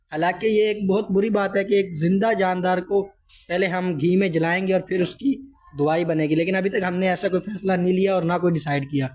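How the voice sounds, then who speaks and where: His voice is high-pitched and a little mellow: a man from Pakistan with a cold-induced sore throat, casually vlogging from a hot village-house store room. He talks in a chatty way and frequently speaks directly to his viewers.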